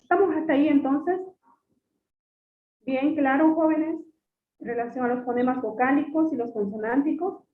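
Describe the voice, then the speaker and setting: A woman teaching a class over a video call, her voice on the high side, patient and repetitive as she keeps addressing the students. The sound is narrow and phone-like, with a roomy echo and a faint hiss underneath. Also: normal speed, pauses often. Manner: patient, repeats points and often addresses students as "jóvenes". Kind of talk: online class lecture. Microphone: computer mic on a video call.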